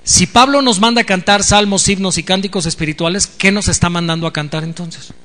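High-pitched guy preaching in a church, echoey hall, keeps repeating words and saying amen. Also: brisk, pushed and bright. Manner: teaching, repeats key words with rising emphasis and frequent amens. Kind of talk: sermon.

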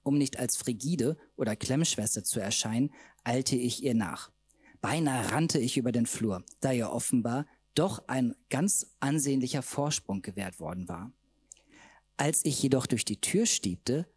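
Mann, Autorenlesung, theatralisch, hauchig-rauer Klang, trockener Raum. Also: male voice, mid-range voice, expressive, moderate pace, a little mellow, husky, dry recording. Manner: camp, mocking, theatrical. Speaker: author reading own novel. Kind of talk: live reading of a comic novel. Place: literature festival reading.

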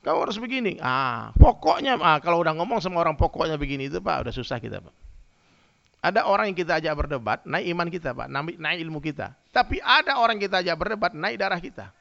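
Male preacher telling stories to his congregation, bright tense tone, gravelly edge. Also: a little high, fast talker. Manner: lively storytelling, addresses listeners directly. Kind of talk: humorous sermon with anecdotes. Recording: dull lo-fi sound.

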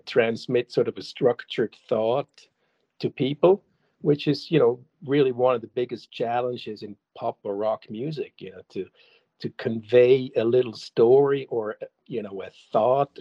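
A songwriter whose first language is German answers interview questions casually as a guest, hesitating with many restarts and fillers. His voice is medium-pitched, and the audio is dull with no room sound.

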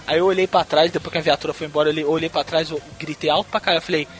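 A man from Brazil telling a wild story in a casual, profane and animated way, acting out what people said. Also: a little high, rapid-fire, background noise. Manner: profane, animated storyteller who acts out quotes. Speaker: podcast host.

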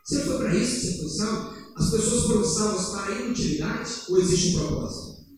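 Animated pastor in an echoey church. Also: male voice, fairly quick, far from the mic, a little hiss or hum. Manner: animated, swings from loud urging to low asides. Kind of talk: sermon. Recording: echoey church hall, heard from afar.

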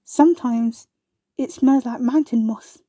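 A woman's voice: a little high, unhurried, mellow, breathy edge, dry recording. A woman voicing a small, thoughtful female bumble wasp in a storybook reading, speaking hesitantly and dreamily, sometimes stammering. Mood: dreamy.

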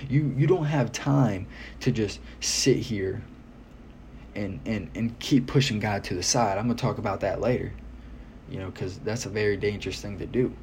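Guy preaching kinda casual but earnest, lowish voice, repeats himself to drive it home, bit of noise behind. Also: moderate pace, a little mellow. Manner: earnest, exhorting, repeats phrases for emphasis. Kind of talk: informal sermon to listeners. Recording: noticeable background noise.

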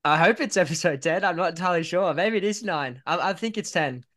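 Higher-voiced man hosting a casual podcast. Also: a little fast, a bit bright. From outside Northern Ireland. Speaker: podcast host. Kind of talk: casual chat.

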